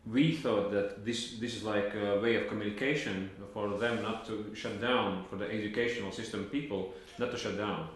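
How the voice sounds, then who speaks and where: A man's voice: on the low side, steady tone. Hesitant man asking questions, echoey room. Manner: hesitant, halting, many fillers and restarts. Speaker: interviewer. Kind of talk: casual interview questions.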